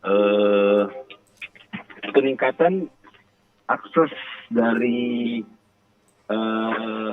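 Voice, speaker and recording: A man's voice: on the low side, steady tone, no room sound. A man heard through a telephone line, the audio dull and muffled. He speaks formally, stopping often on fillers as he gathers his words. He is a guest phoning into a live radio show. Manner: formal, pauses with frequent fillers. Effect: heard over a phone line. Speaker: interview guest. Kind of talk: live radio phone interview.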